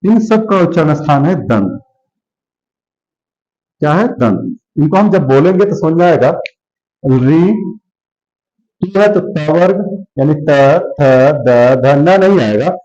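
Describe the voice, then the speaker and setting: Male teacher going really slow over each sound, asks then answers, slightly muffled lo-fi audio. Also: fairly high pitch, animated, dark tone. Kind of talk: classroom lesson.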